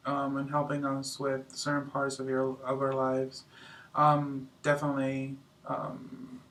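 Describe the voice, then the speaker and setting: An actor playing a blunt, dismissive husband in a marriage-counseling role-play, hesitating with fillers. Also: male voice, medium pitch, a bit bright. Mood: earnest. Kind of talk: amateur improvised role-play. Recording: roomy, distant mic, faint background noise.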